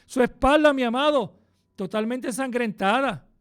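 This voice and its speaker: A man preaching a radio sermon, impassioned, swinging from hushed passages to loud, fast bursts. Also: extremely high pitch, smooth.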